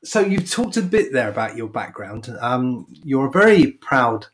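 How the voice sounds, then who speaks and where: A man's voice: mid-range voice, very animated, measured pace. Male interviewer in casual conversation. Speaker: interviewer, host.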